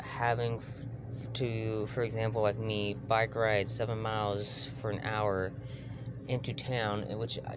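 Texan guy rambling at night outside on his phone, lots of uhs, swears easy, noisy background. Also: medium pitch. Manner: rambling, many fillers, swears casually. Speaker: homesteading vlogger. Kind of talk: casual rambling talk to camera. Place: outdoors at night on a homestead. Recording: outdoor night with clear background noise.

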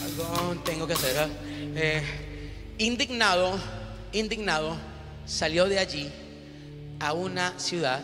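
Woman pastor, emphatic sermon delivery, repeats herself, draws in the crowd; long reverb with music underneath. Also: deep voice. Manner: emphatic, repeats phrases, calls on the congregation. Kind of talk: preaching a sermon.

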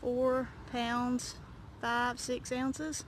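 A woman speaks close to the mic in a slightly high voice. She sounds emphatic and rallying and leans hard on key words. The recording has a roomy echo and a faint hiss underneath. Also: completely flat delivery, drawn-out words. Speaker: vlogger. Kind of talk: direct-to-camera vlog and announcement. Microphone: phone or camera close to her face.

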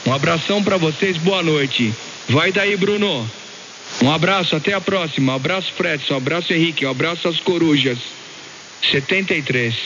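A man's voice: a little high, bright, forceful tone, slight background noise. A Brazilian man chatting in a chummy, colloquial way as a ham operator over two-way radio. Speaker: amateur radio operator leading the exchange. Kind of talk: casual ham radio chat. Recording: dull, band-limited shortwave radio audio.

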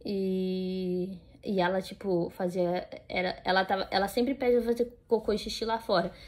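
A young woman with a Brazilian Portuguese accent talks straight to the camera from her home. Her voice sits at a middle pitch. She rambles along in a relaxed, casual way, full of fillers and restarts. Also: normal speed. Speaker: vlogger.

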